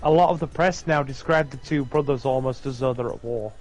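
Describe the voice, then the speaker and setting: A man's voice: medium pitch, fairly quick, a little mellow. A man co-hosting a stream, chatting casually and reading viewer comments aloud. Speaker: co-host. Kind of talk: casual chat. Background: faint game music.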